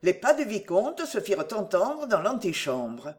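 Expressive woman reading a novel aloud. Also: medium pitch, measured pace. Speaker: audiobook reader. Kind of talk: scripted narration.

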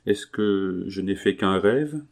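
A man's voice: low voice, slow pace, vocal fry, full character voice. A man reading aloud voices a fragile, feverish young woman who pleads in a raised, breathless voice. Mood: anxious pleading.

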